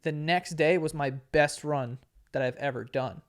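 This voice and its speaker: Man, late twenties, casual storytelling, swears a lot, slightly high voice, laughs and acts out quotes. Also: a little slow. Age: 20s. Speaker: podcast host.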